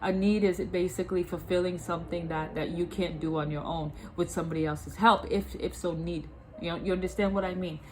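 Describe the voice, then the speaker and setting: Stuffed up from a cold, this woman gives a tarot reading in a fairly low, fairly even voice, talking a little fast with hardly any pauses. She often restarts and repeats words and keeps asking whether she's understood. There's a slight hiss or hum on the poor-quality recording.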